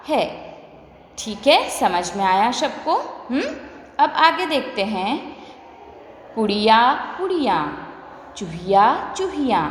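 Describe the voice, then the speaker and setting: A woman teaching a Hindi grammar lesson online, explaining step by step and checking that her students follow. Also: a little high. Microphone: online class recording. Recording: echoey room with long reverb.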